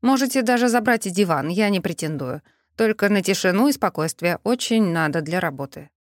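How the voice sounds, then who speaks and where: A woman voicing a calm, composed older male magister who speaks with dry, polite irony in an audiobook. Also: mid-range voice, brisk, no room sound, lightly acted. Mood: dryly ironic. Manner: unruffled, dryly ironic.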